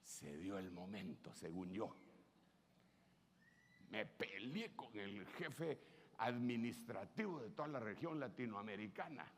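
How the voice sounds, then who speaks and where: A Honduran man in his sixties, a pastor preaching a sermon by telling stories, animated and joking as he acts out the people he quotes. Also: fairly low pitch, measured pace, a little hiss or hum. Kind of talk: storytelling sermon.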